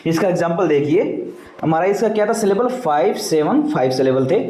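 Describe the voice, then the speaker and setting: A man's voice: fairly high pitch, lively intonation, normal speed, dark tone, reverberant, poor audio. A male teacher giving an exam revision lecture, explaining step by step and repeating key points.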